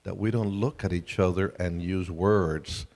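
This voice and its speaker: A man's voice: sits low, steady tone, measured pace, darkish tone. A middle-aged man from Colombia, telling stories with self-deprecating humor as he co-presents a family ministry talk. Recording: reverberant hall.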